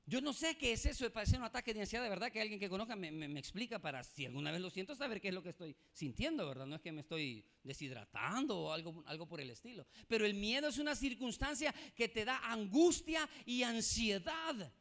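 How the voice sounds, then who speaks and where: In church, a male pastor from El Salvador with a Salvadoran Spanish accent preaches conversationally, calling listeners "hermano" and laughing at his own jokes. His voice is high, fairly bright, and very animated, moving quickly with hardly any pauses.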